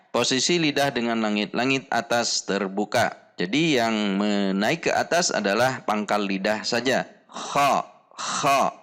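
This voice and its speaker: A man with an Indonesian accent teaching Quran letter pronunciation in a slow lesson, drilling each sound again and again. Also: medium pitch, fairly bright tone. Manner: slow, deliberate, demonstrates sounds repeatedly.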